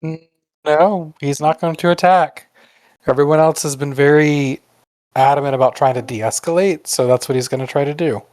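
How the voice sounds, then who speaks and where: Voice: mid-range voice, normal speed, a little mellow, no room sound. A player in an online tabletop game, talking in a wry, matter-of-fact way. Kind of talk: casual chat in a tabletop game.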